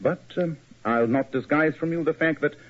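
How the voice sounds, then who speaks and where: An actor playing Sherlock Holmes in a 1940s radio drama, measured, polished and authoritative, on a lo-fi old broadcast. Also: male voice, fairly high pitch, natural voice. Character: Sherlock Holmes, cool, precise detective.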